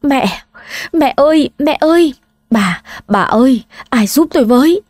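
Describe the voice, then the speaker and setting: A woman's voice: sits high, animated, measured pace, darkish tone, no echo, studio quality, pitched above the performer's own voice. A woman voicing a panicked elderly man in an audio story, calling out frantically for help. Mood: frantic. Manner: frantic, raised cries.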